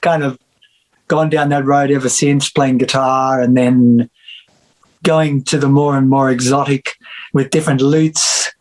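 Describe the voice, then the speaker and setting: A man's voice: mid-range voice, fairly even intonation, a little slow, rough recording. A middle-aged Australian man from Victoria, chatting casually about his music in an interview, with many fillers and restarts. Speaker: musician and music teacher, guest.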